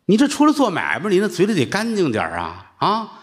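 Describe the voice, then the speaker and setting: A man voicing two young Buddhist nuns who scold in a shrill tone. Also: huge pitch swings, brisk.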